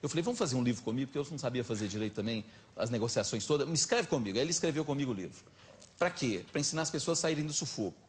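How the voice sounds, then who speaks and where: A middle-aged man with a Minas Gerais accent, telling anecdotes as a talk show guest in an animated, chatty way. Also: mid-range voice, racing, slight background noise. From Minas Gerais, Brazil. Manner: lively anecdotal, animated retelling. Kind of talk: casual storytelling chat.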